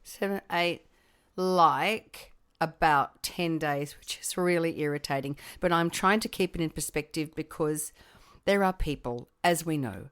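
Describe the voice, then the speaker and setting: A middle-aged woman hosting a conversational podcast, hoarse from a cold and speaking in an emphatic, deliberate way. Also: deep voice, a bit bright. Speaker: podcast host.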